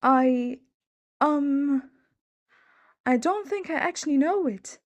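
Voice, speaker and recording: A woman's voice: high voice, lively intonation, slow pace, no room sound, voice pushed up. A woman reading the part of a cheeky, careless boy apprentice who turns whiny when scared. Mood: panicked.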